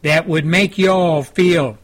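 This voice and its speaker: A South Texas man hosts a talk radio show from his studio, rambling through a folksy monologue full of homespun asides. His drawl is fairly even, fairly high-pitched, and unhurried.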